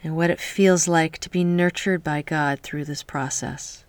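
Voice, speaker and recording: A woman leading a guided healing meditation in a soft, slow voice that often drops to a whisper, speaking close to the mic. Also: low voice, no room sound.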